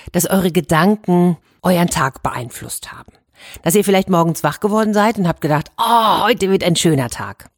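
A woman hosting a children's storytelling show, addressing her young listeners directly and telling a short tale with lively expression. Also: low voice, dry recording, clean studio sound.

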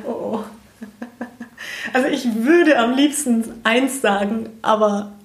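The voice is on the high side and slow-paced: a young woman from Bavaria, Germany, a teacher, laughing easily as she answers interview questions in a frank, talkative manner. The room echoes noticeably.

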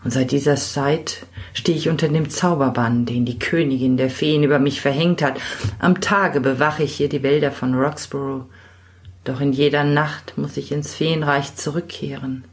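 A woman reading a melancholy enchanted young knight in a fairy tale, gentle and sorrowful, often half-whispered. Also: low voice, fairly even intonation, normal speed, close to an everyday voice. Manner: gentle and sorrowful, softly spoken.

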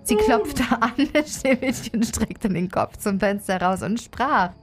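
A woman's voice: a little high, sing-song, unhurried. Woman reading a fairy tale aloud. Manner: reads steadily, breaks off to joke and laugh. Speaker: narrator and host.

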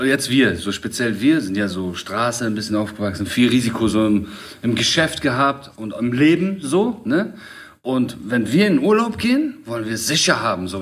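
A man in his thirties, co-hosting a casual chat and telling stories in a slangy, animated way. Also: mid-range voice. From Germany. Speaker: podcast co-host.

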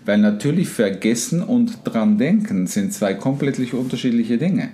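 A man's voice: mid-range voice, normal speed. Male host, conversational explainer, acts out thoughts. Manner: animated, acts out inner voices and quotes.

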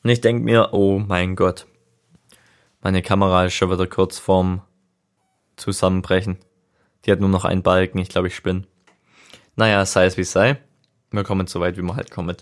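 A young man talking casually and reflectively on a solo podcast, thinking aloud in an informal, rambling way. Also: on the low side. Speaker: podcast host. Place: seated, leaning back in a chair.

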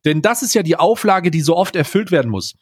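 Empörter Mann, trockener Klang. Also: male voice, sits high, animated, quick pace, slightly rough, no echo, studio quality. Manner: indignant, hesitant restarts, ranting. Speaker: podcast co-host. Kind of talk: casual political chat. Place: home studio.

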